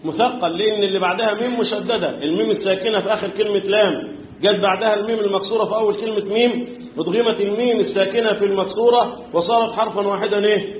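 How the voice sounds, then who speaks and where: Tajweed teacher, male, Egyptian accent, high voice; quizzes students, chants verses. Tinny echoey room recording. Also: steady tone, racing. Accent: Egyptian Arabic. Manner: quizzes students, answers his own questions; clears his throat often. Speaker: Quran recitation teacher. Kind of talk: tajweed lesson.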